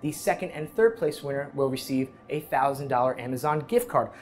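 A man in his thirties hosting a cooking show in a restaurant kitchen, energetic and joking. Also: mid-range voice, brisk. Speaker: host. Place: large restaurant kitchen, indoors. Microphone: lapel mic. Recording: music bed under the voice. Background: music.

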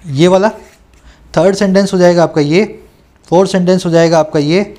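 A man coaching students through an exam paper, reading English questions out slowly and explaining them, often checking that they follow. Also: high-pitched, a little mellow. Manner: reads English questions aloud slowly, then explains in Hindi.

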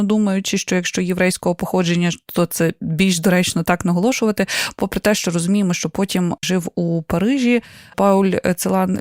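A woman's voice: fairly low pitch, a little mellow, no room sound, studio quality. A woman hosting a radio interview, asking long, fluent, inquisitive questions. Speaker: radio host.

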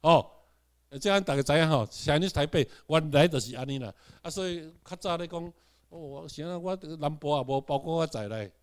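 A man from Taiwan, giving a classroom lecture. He asks the room rhetorical questions, has the class repeat words after him, and swings between loud emphatic bursts and quiet asides. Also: a little high, expressive, moderate pace.

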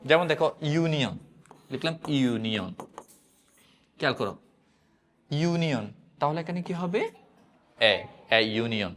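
Male teacher, grammar lesson, animated voice, slightly high pitch, repeats questions. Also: a little fast. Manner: repeats questions to students, drills answers. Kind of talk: classroom-style grammar lesson.

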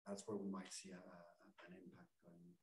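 Man presenting over a video call, fairly low voice, echoey room, connection glitches make his pitch jump and his volume drop. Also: sing-song, fairly quick, creaky, a little mellow. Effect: glitchy connection, pitch jumping and volume dropping out. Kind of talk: online webinar presentation. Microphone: headphone mic on a video call.

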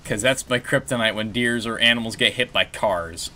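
A man's voice: medium pitch, moderate pace, sharp tone. A man chatting casually while gaming, joking and restarting his sentences. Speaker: co-player.

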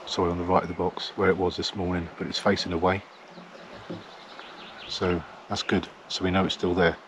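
Middle-aged English man, low and level delivery, casual outdoor vlog, arm's-length camera. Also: level tone, normal speed, background noise. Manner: plain, chatty, matter-of-fact. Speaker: wildlife photographer. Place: outdoors in a field by trees.

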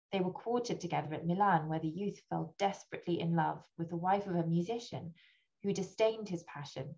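A woman, a literary scholar, reading a gothic essay aloud in a steady, deliberate way with an occasional slip and restart. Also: fairly low pitch, muffled recording.

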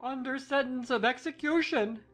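A woman's voice: high-pitched, moderate pace, soft background music. A woman playing a nervous, gossipy male rabbit in a storybook audio drama. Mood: confiding. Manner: anxious, confiding.

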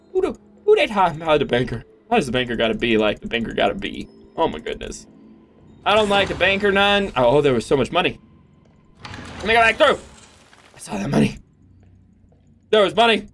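A man's voice: a little high, a bit bright. A young man hosting a let's play, rambling goofily through gameplay commentary with jokes and sudden exclamations. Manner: goofy, rambling, jokey self-talk with sudden exclamations.

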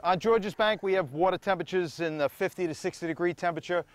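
A man's voice: high-pitched, quick pace, soft background music. A man who captains a fishing boat, explaining conditions in a plain, matter-of-fact way. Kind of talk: casual explanation. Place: open fishing boat at sea.

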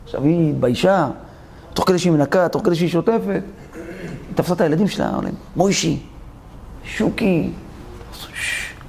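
A man's voice: on the high side, huge pitch swings, creaky, long pauses, darkish tone, slight background noise. A man preaching a sermon as a rabbi, telling a story, acting out its characters and questioning his audience directly.

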